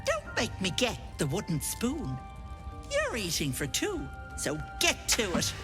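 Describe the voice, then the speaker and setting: A woman's voice: medium pitch, wildly swooping pitch, a little slow, music in the background. A woman playing a doting, cloying old hag posing as a kindly auntie in a video game, folksy and bossy. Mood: stern. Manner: folksy, cloying endearments, turning sternly bossy. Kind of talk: video game character acting.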